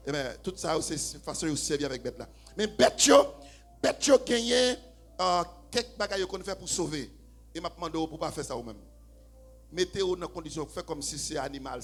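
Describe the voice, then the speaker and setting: A man with a Haitian accent preaching a sermon in church, swinging from low, quiet talk to shouted, half-sung preaching. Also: husky. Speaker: pastor. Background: faint keyboard.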